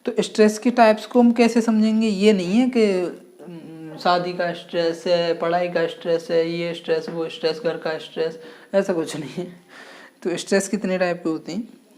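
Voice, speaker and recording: Female physics tutor, lower register, drills terms by repetition and check questions. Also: fairly even intonation, normal speed, darkish tone. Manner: repeats key terms and asks rhetorical check questions. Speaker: physics teacher. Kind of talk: classroom-style physics lesson.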